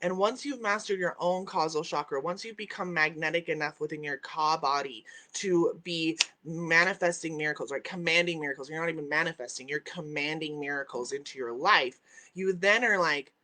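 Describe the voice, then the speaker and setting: Hosting a spiritual live stream from home by a window, with dogs in the house, a woman teaches using emphatic repeated phrases and a habit of asking "right?", reading out and answering viewer comments. Her voice is low-pitched, pushed and bright, at normal speed.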